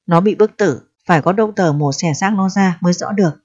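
A woman's voice: fairly low pitch, fairly quick, darkish tone, natural voice. A woman voicing a stern, greedy male district mandarin who speaks in a cold, haughty way. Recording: dry, dull lo-fi recording.

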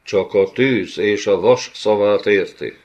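A man's voice: lowish voice, darkish tone, lightly acted. A man voicing a bold, spiteful male ship commander who spits his words out bluntly, in a dull lo-fi audiobook recording. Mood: defiant. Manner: spitting, blunt.

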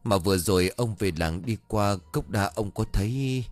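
A man voicing a calm old village wife. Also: fairly low pitch, moderate pace, dry recording, faint music behind, lightly acted. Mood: reassuring. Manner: calm, reassuring.

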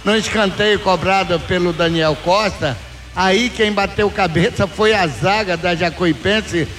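A man's voice: high-pitched, measured pace, fairly bright tone. A Brazilian man giving conversational live match analysis on the radio, often repeating himself. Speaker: football analyst. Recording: radio broadcast with music behind.

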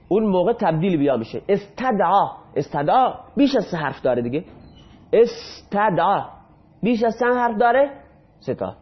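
A man with a high, very animated voice leads a grammar lesson. He fires off questions to the class and answers them himself, reciting verb forms one after another. The recording sounds dull and lo-fi. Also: breathy edge. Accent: Iranian Persian. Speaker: Arabic grammar teacher.

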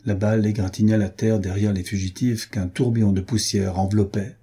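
A man reading a historical adventure novel aloud in a steady, measured narration. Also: on the low side, husky. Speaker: audiobook reader. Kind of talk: scripted narration.

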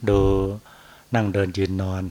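A man, a Buddhist monk, giving an unhurried dharma talk on meditation and tagging his phrases with a soft particle.

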